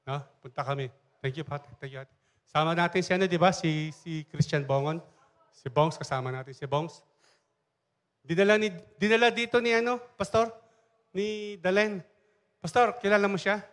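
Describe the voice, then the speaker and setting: A man's voice: high-pitched, normal speed, a bit bright. A middle-aged man, a pastor, giving a chatty sermon full of personal stories, acting out the lines of the people in them. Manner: chatty storytelling, acts out dialogue, many fillers and restarts. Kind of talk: conversational sermon with anecdotes. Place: church service.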